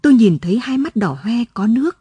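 A woman reading a story aloud as scripted late-night narration, in a calm, even manner. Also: fairly high pitch, a little fast, breathy edge, dry recording. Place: radio studio.

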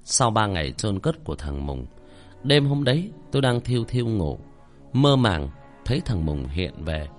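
A man telling a first-person horror story in a dramatic, expressive way, pleading when he speaks as himself. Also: lowish voice, normal speed, soft background music.

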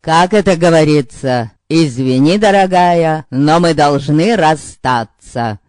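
A man doing a hysterical, shouting young man. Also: fairly high pitch, expressive, slow, no echo.

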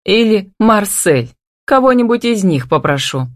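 Ехидная героиня, которую читает женщина, говорит резко и насмешливо. Сухое студийное звучание, тембр довольно низкий. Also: female voice, on the low side, sing-song, normal speed, no room sound, studio quality. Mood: snappish. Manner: snappy, sarcastic. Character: sharp-tongued sarcastic young woman.

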